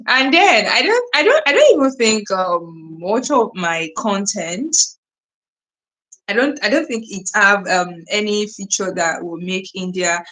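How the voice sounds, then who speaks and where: Chatting casually on her livestream and reading out viewer comments, a young Nigerian woman uses plenty of fillers, restarts and repeated phrases in her Nigerian accent. Her mid-range voice sounds bright and forceful, but the audio is poor.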